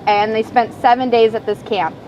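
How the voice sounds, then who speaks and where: A woman hosting a casual chat, cheerful and quick to laugh. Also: on the high side, fairly even intonation, darkish tone, slight background noise, poor audio. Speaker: host. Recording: chatter of people behind.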